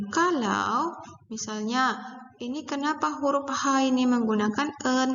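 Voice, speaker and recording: A woman's voice: high voice, a bit bright. Indonesian woman teaching English, echoey room. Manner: slow, repetitive, spells out letters and examples. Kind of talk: explaining English grammar lesson. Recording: roomy, reverberant, dull with faint noise.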